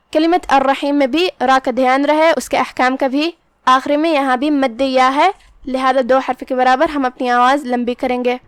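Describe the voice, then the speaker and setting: High-voiced woman teaching recitation. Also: dry recording. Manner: careful, measured explanation of pronunciation rules. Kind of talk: recitation lesson.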